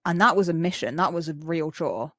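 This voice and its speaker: A young English woman with a rough, chav-style slangy accent, chatting casually and candidly. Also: low-pitched, brisk, bright, forceful tone, no echo, clean studio sound. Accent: English, chav-style street slang. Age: young adult. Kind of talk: casual chat.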